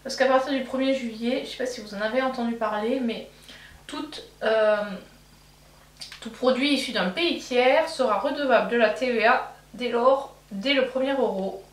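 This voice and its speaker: Recorded off-mic from a distance in an echoey room with a faint hum, a woman on the high side speaks at a moderate pace. She's a beauty vlogger making casual conversation as she does her makeup. She thinks aloud in a rambling way, with lots of fillers, restarts, and self-corrections.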